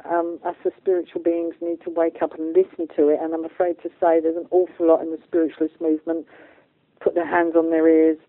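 With a low, monotone voice at a fairly quick pace, a woman guest on a spiritual interview, who is a medium and channeller, speaks informally and colloquially in an earnest, emphatic way. Recording is dry and narrow, like a phone line.

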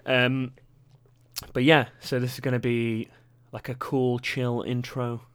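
A man's voice: medium pitch, level tone, takes it slowly, clean tone, no echo. A young British man with a posh accent, hosting a casual solo podcast in a rambling, self-deprecating way with lots of fillers. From Britain. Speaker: podcast host.

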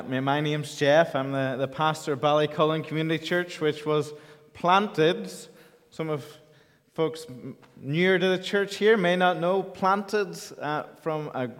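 A man with a Donegal accent, a pastor preaching an informal, conversational sermon in an echoey church hall. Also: a little high. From County Donegal, Ireland. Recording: echoey hall with long reverb.

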